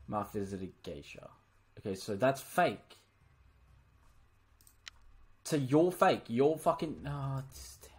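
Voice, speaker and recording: A woman streaming an online game, swearing constantly and yelling in frustration at other players. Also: rumbling low. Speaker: gaming streamer. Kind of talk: live commentary while playing an online game.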